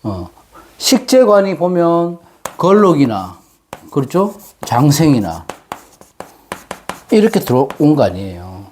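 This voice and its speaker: A man giving an unscripted explanatory lecture, haltingly, his articulation slightly slurred and tangled as if numb from the dentist. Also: fairly high pitch, wildly swooping pitch, a little mellow, a little hiss or hum. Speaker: fortune-telling lecturer.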